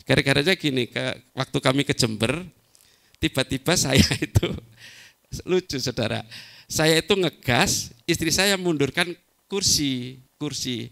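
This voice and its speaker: A middle-aged pastor preaches in a deeply gravelly, creaky voice. He tells homely stories, chuckles at his own mistakes and speaks at an average pitch for a man. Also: expressive, unhurried, long pauses, sharp tone. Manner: folksy, storytelling, laughs at himself. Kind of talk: sermon. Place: church.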